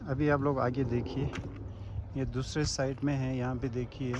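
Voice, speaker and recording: Male travel vlogger, casual guided-tour narration, mid pitch, dull phone sound outdoors. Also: flat delivery. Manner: points things out, names plaques slowly. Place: outdoor war memorial lawn in mountains. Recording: muffled phone audio with outdoor noise.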